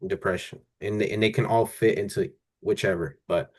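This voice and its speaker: A man speaking as a calm, gentle therapist in a counselling role-play, asking questions in a halting, tentative way and often rephrasing. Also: on the low side.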